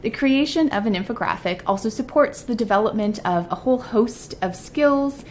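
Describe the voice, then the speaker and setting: A woman's voice: expressive, moderate pace. A woman professor giving a prepared lightning-talk presentation in an orderly, explanatory manner. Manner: clear explanatory, orderly listing of points. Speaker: university psychology professor, lecturer. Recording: noticeable low rumbling background noise.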